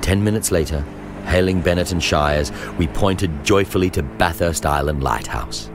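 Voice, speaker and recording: This is an audiobook-style reading of a first-person memoir, delivered slowly and deliberately by a man whose voice is extremely deep. Music plays distinctly in the background throughout the scripted narration.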